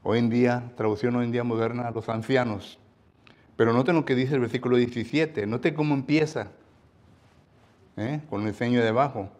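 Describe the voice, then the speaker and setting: This man, who has a Mexican Spanish accent, delivers a sermon in a conversational style, tossing in lots of tag questions and loudly stressing the scripture. His voice is mid-range and steady, and he talks fairly quickly.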